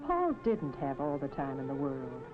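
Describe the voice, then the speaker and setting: An actress playing a thoughtful, worrying mother who narrates a vintage educational film in an earnest, measured, sentimental way. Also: rumbling low, wildly swooping pitch, over music, full character voice. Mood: worried. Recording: tinny, noisy vintage film soundtrack.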